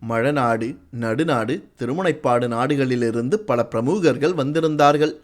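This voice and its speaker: A man's voice: medium pitch, measured pace, lightly acted. A man voicing a polite, humble young warrior delivering a message, answering modestly and respectfully in an audiobook story.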